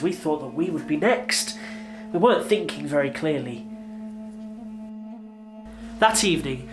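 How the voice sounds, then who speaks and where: A man playing an apostle, narrating his memories in an earnest, reflective way. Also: a little high. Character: older male apostle recalling his past. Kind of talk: dramatic narration.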